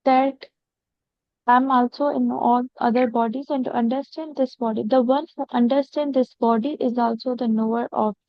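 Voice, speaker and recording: A woman student answers her teacher over a video call, hesitant and searching for the right words. Her voice sits a little high, close and dry, with dull lo-fi audio. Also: fairly even intonation, moderate pace, dry recording. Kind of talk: answering in class.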